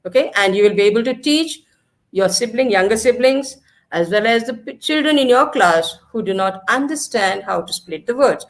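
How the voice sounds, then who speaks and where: A woman's voice: on the high side, expressive, moderate pace. A woman with an Indian English accent teaching a grammar lesson, repeating key points and checking that the class follows. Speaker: school teacher. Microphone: recorded lesson video.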